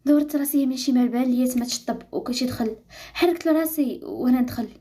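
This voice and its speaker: Fast-talking Moroccan woman storyteller. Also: high voice, mellow, slightly rough. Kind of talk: storytelling narration.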